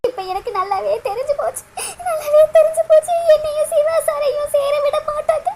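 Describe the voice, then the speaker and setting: A woman doing a shrill tearful young cartoon heroine. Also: little pitch movement, fairly quick, mellow. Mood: heartbroken crying. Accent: Kanyakumari Tamil. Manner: sobbing, pleading, repeats her words. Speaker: cartoon character. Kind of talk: cartoon voice acting.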